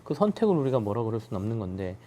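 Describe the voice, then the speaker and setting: A man's voice: on the low side, very animated, racing, mellow. A man talking thoughtfully on a talk panel about his own parenting. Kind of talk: casual chat.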